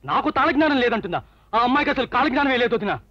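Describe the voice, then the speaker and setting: Melodramatic lovesick young dude, super high voice, talks fast, dry dull movie audio. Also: male voice, big pitch swings, dry recording, heavily acted. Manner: theatrical, self-pitying outbursts. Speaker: comic film character. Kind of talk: film dialogue. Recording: dull, lo-fi film soundtrack.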